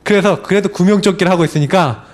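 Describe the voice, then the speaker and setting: A middle-aged man, a pastor, preaching a sermon with animated storytelling, often laughing as he tells it. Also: high-pitched, fast.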